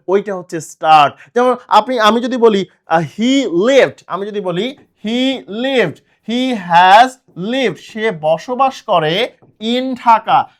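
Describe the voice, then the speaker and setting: High-voiced male teacher. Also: fairly bright tone. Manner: explains slowly with repeated questions to students. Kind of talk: grammar lesson.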